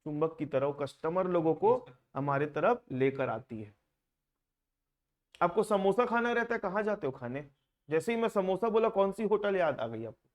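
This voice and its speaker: A man's voice: sits high, big pitch swings, normal speed. A man teaching an accounting class in Hindi, often asking his students questions and mixing in English terms. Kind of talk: classroom lecture.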